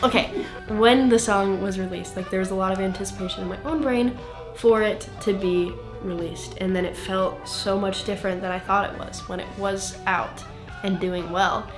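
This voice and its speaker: A woman's voice: mid-range voice, fairly even intonation, moderate pace, hardly any pauses, reverberant, over music. Rambling young woman in her twenties. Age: 20s. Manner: rambling, self-interrupting, frequent "like" and laughs. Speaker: singer-songwriter guest. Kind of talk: casual interview.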